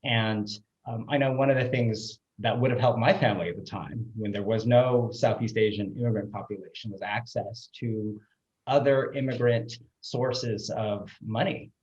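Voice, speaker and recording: A man's voice: fairly low pitch, fairly even intonation, normal speed, darkish tone. A man born in Vietnam and raised in Southern California, hosting a formal online interview with polished, courteous introductions. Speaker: interview host. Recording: roomy, dull sound with faint music.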